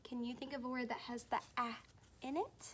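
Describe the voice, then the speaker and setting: A woman teaching a children's phonics lesson, speaking slowly and encouragingly and asking young learners questions directly. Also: a little high, steady tone, fairly bright tone.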